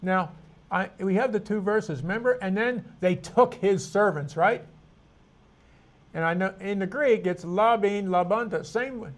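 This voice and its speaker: Casting note: man with a high-pitched voice, Bible class teacher, rambling and conversational, muses aloud with plenty of restarts. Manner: rambling, thinking aloud with frequent restarts and asides. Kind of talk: informal Bible study lecture.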